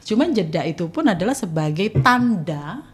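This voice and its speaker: Relaxed woman speaking coach, lowish voice. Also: moderate pace. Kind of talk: explaining in a casual interview.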